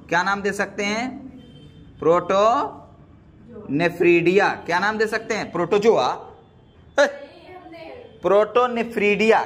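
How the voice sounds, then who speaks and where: A man whose voice sits high and a bit bright lectures a biology class. He quizzes students again and again, calling them "beta" with affection.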